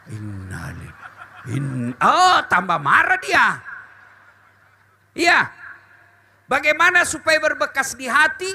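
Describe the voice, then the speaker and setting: A man's voice: very high voice, a little hiss or hum. A middle-aged man preaching a humorous sermon, joking and acting out little scenes for the crowd. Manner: jokey, animated, with sung verses and acted quotes.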